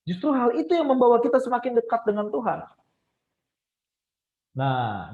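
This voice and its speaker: A man giving a casual, emphatic Bible study lecture online, his voice jumping high to stress points. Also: darkish tone, echoey room, highs cut off.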